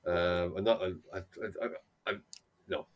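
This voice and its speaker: A man's voice: sits low, fairly even intonation, unhurried. A man from Ireland with an Irish accent, co-hosting a podcast in casual, joking chat full of asides. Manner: joking, chatty, talks through asides. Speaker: podcast co-host.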